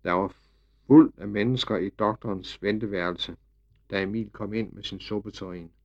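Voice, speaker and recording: A man's voice: lowish voice, vocal fry. Man narrating a storybook, slightly dull sound. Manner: lively, expressive storytelling. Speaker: audiobook narrator.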